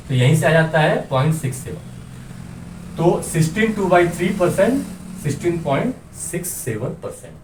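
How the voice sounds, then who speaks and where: A man with a fairly high voice teaches a maths lesson, working through each step aloud and pausing to ask if it is clear. He sounds a little away from the mic in an echoey room. A faint hiss sits under the voice. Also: darkish tone, far from the mic. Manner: explains step by step, often checking in with the class. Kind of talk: classroom lecture.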